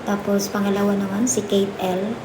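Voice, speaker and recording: A woman's voice: mid-range voice, moderate pace. A woman nominating housemates, hesitant and full of fillers. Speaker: reality show housemate. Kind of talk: nomination confessional. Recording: echoey room with steady noise.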